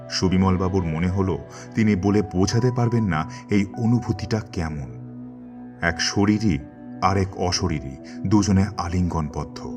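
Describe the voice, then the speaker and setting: A man with a very deep voice narrates the story in a measured, dramatic style, with clear music playing behind him.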